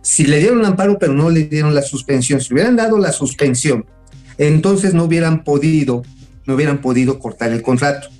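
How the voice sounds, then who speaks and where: A man with a Mexican accent talks politics on a show, blunt, mocking and quick to swear. His voice sits a little high. Faint music runs underneath. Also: a little mellow. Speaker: co-host. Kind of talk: casual political talk show.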